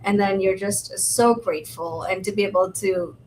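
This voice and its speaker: A woman from Thailand co-hosting an interview conversation, upbeat and warm, often saying "you know". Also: mid-range voice, steady tone, moderate pace. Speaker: podcast co-host. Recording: remote video call, faint background noise.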